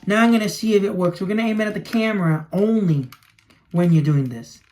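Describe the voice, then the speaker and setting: Filming a home vlog in a small room, a young adult toy creator casually talks through a hands-on demonstration, describing what he does as he handles toys. His high voice has a darkish tone and a fairly quick pace, and the noisy recording picks up clicks.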